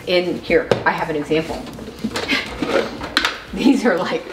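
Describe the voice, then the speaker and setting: A woman's voice: lowish voice, takes it slowly, very noisy. A woman in her thirties chatting upbeat and giggly as she demonstrates recipes in a small RV kitchen. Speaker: cooking vlog host. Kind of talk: casual cooking demonstration. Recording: roomy with background music.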